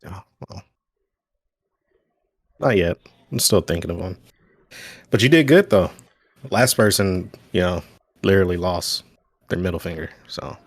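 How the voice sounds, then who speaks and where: A man playing in a tabletop game, answering in a relaxed, laid-back way. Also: low voice, measured pace, long pauses, slightly rough, dry recording. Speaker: player.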